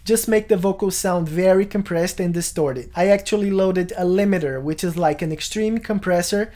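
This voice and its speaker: A man's voice: high voice, normal speed, mellow. A man in his thirties explaining things as a video tutorial host in a small home studio. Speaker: music production tutorial host.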